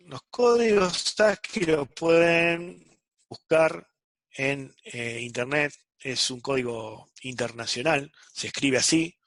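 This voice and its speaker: A man's voice: mid-range voice, a bit bright, no room sound. A man teaching a programming class online, checking in with the students after nearly every phrase. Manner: checks understanding with frequent "¿sí?" and "¿está?".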